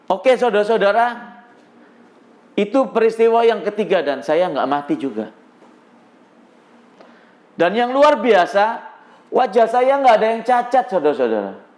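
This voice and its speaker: A middle-aged man from Indonesia preaching, telling a dramatic personal testimony to a congregation, acting out shouts and prayers as he goes. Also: high voice. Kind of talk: sermon testimony.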